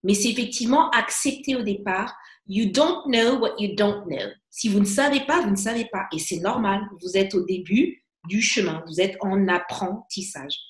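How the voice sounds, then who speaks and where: A woman guest coach speaks casually and energetically in an interview-style talk, often restarting phrases with fillers. Her mid-range voice moves at a moderate pace with few pauses, and she's animated. The room is echoey.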